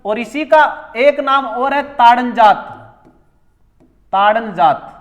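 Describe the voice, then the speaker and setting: A man with a very high-pitched voice gives an unhurried classroom grammar lesson in a coaching class. He keeps repeating key words and answers the questions he asks.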